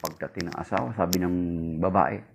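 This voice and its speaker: A man preaching a homily, mixing Tagalog and English, telling a story and raising his pitch to act out its voices. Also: a little fast, vocal fry, slight background noise. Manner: mixes Tagalog and English, addresses listeners as brothers. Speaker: priest. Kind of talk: homily with a told joke.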